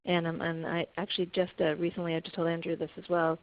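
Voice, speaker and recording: Woman camp director, earnest, restarts a lot; fairly low voice over a dull call line. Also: completely flat delivery, fast. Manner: earnest, storytelling with many restarts. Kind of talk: webinar talk. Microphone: conference call. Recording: muffled conference call audio.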